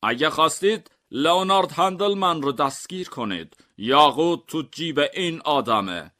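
A man's voice: on the high side, animated, sharp tone. A man voicing a museum guard and an inspector in a comic mystery story reading, speaking matter-of-factly and questioning firmly. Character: museum guard and inspector, plain grown men.

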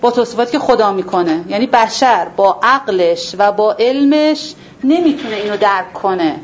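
A woman's voice: mid-range voice, lively intonation. A woman teaching a Quran class to students, asking herself rhetorical questions and repeating words for emphasis. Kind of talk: explanatory religious lesson to a class. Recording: dull lo-fi recording with faint background noise.

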